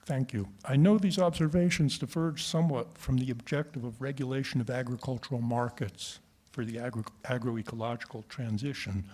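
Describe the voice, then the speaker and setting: A man chairing a conference who gives a prepared, formal address in a measured reading manner. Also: mid-range voice, darkish tone, a little hiss or hum. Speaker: conference moderator. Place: conference room.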